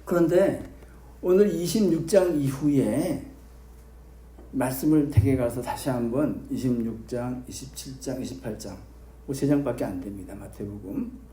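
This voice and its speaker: A man's voice: medium pitch, normal speed, warm tone, reverberant. A male pastor preaching a sermon, questioning the congregation and repeating key phrases for emphasis. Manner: emphatic repetition.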